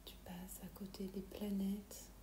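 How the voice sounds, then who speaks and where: A woman softly whispering a guided meditation in a breathy, soothing, calming way, as if right in the listener's ear. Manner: slow, calming, soothing instructions. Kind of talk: guided meditation, soft whispered ASMR-like delivery. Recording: roomy echo, low background rumble noise.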